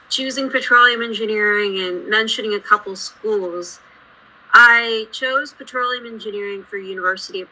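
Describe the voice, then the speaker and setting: A woman in her late twenties, born in India and raised in Houston, speaking as an engineer guest in a podcast interview with a measured, explanatory way of telling her story. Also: medium pitch, sharp tone, rough recording. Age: late 20s.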